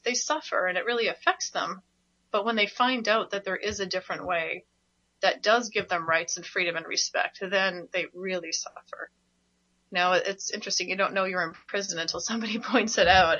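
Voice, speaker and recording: A woman's voice: medium pitch, pushed and bright. A woman hosting a radio show as a parenting coach, talking passionately and emphatically, often with a laugh. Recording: dull, lo-fi radio recording.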